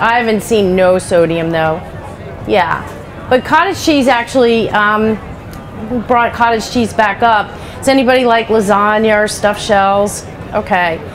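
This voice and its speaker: A middle-aged woman chef giving a live cooking demonstration on a trade show stage, talking in a chatty, practical way with lots of asides. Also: medium pitch. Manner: chatty, practical, many "you know" asides. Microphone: headset.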